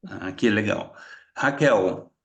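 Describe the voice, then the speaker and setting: Over a video call, a man runs an online retreat meeting, greeting each participant by name with a short welcome. His voice is fairly low and slow, and the high frequencies are cut off. The gathering has a relaxed, casual feel.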